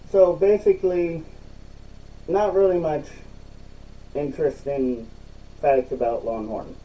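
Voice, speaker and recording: Slow, dark-voiced man, slightly distant. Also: mid-range voice. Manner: halting, repeats himself. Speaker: product reviewer. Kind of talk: casual, unscripted online review.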